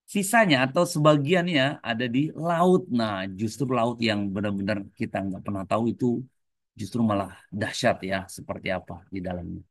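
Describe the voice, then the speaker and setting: A man's voice: fairly low pitch, normal speed, no echo. A man teaching an English lesson to adult learners online, explaining in a mix of two languages and tagging nearly every phrase with a casual "ya". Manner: explains in mixed English and Indonesian, tags phrases with "ya"; repeatedly addresses the class as friends. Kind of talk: online class lecture.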